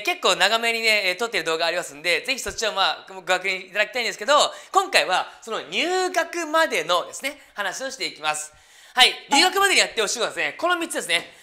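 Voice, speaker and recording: A man in his thirties talks quickly and in a casual lecture style, his pitch swinging widely as he gives study advice. He sounds chatty and encouraging as an English teacher. His tone is bright and forceful. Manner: chatty and encouraging, frequent tag particles and fillers. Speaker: English cram-school teacher.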